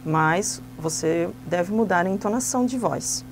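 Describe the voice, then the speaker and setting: A woman's voice: lowish voice, measured pace, a little hiss or hum. A woman explaining church classroom activities for children step by step, in a patient, instructive way. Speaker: Sunday school teacher trainer.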